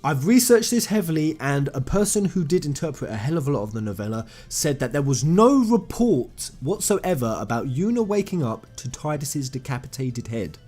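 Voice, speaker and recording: With background music underneath, a man retells a story to viewers as a video game commentator. His voice is a little high, very animated and mellow, and he keeps a moderate pace with few pauses, sounding informal and enthusiastic as he stresses and repeats phrases.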